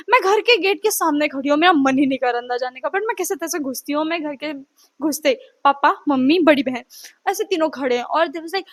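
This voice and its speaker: A teenage girl telling a personal story in a chatty, dramatic vlog style, acting out what people said. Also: high-pitched. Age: teens. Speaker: vlogger.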